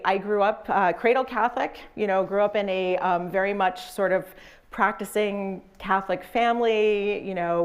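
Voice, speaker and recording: A woman professor from Massachusetts tells her personal story in a chatty, relaxed way, with many fillers and self-corrections. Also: medium pitch. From Massachusetts, USA. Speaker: professor and guest speaker. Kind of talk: casual personal storytelling in an interview.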